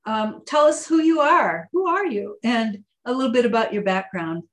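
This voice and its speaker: A woman's voice: on the high side, animated, normal speed. A woman hosting an interview on a video call, introducing her guests in a friendly, upbeat way. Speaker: interviewer host.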